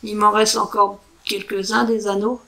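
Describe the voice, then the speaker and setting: A woman doing a casual crafting vlog, talking in a hesitant, chatty way and sounding out foreign words slowly. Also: medium pitch, level tone, sharp tone, rough recording. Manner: chatty with frequent fillers and self-corrections. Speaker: crafting vlogger. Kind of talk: casual show-and-tell craft chat.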